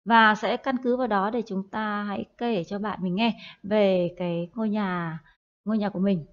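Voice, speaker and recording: A woman's voice: medium pitch, steady tone, moderate pace. A woman teaching English in a recorded online lesson, explaining in Vietnamese with hesitant fillers and repeating words for practice. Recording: dull lo-fi audio.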